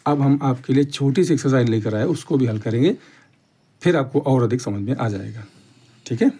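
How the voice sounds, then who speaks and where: A man with a mellow, mid-range voice that has a breathy edge teaches grammar in careful steps. He repeats points slowly and checks in with the class frequently through "theek hai."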